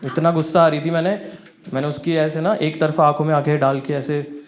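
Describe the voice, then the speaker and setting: A young man tells a stand-up story on stage, jumping between his own voice and the people he quotes. His voice sits fairly high for a man, and he pushes it higher and louder when he gets worked up. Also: a little fast, a little hiss or hum. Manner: animated, acts out dialogue with swings in pitch and loudness. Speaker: stand-up comedian. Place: comedy stage before an audience.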